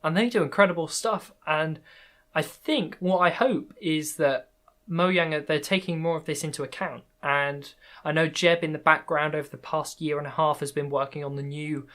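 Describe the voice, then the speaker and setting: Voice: medium pitch, steady tone, normal speed, a bit bright. A podcast host in casual conversation, talking hesitantly with many fillers and restarts and laughing often.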